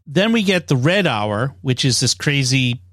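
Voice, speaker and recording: A man co-hosting a podcast, lively in casual discussion and quick to laugh. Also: mid-range voice, no room sound, clean studio sound. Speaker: podcast co-host.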